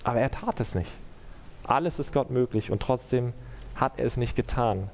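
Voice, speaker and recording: A man preaching a sermon in German and then leading a prayer, earnest and measured, with rhetorical questions to the congregation. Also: medium pitch, darkish tone, long reverb tail. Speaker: pastor.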